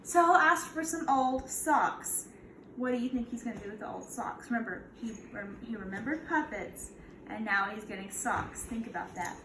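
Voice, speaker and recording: A female kindergarten teacher with a high voice reads a picture book aloud to young kids at a moderate pace. Her style is instructive, drawing them in with questions, while the room echoes and background noise is clearly audible.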